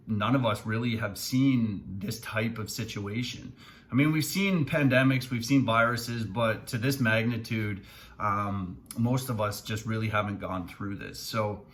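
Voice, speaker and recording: A man who works as a financial advisor, talking casually to camera with frequent ums and plain, steady explanations. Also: mid-range voice. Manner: relaxed, many fillers, plainspoken. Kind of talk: casual video commentary.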